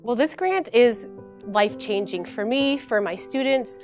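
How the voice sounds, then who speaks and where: Enthusiastic higher-voiced woman teacher. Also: expressive, a little slow. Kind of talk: interview testimonial. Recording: soft music bed underneath.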